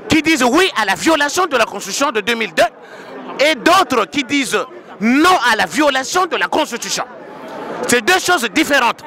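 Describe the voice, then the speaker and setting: A man's voice: very high-pitched, sing-song, normal speed, creaky, sharp tone. A male protester in a street interview, arguing his point and explaining at length. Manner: argumentative, explaining. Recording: outdoor street crowd.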